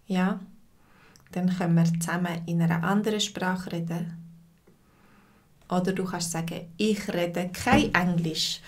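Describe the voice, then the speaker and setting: Slow-speaking Swiss woman teaching. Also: lowish voice, steady tone. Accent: Swiss German. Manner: slow, clear, repeats phrases for learners. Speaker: language teacher. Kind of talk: live online language lesson, reading chat.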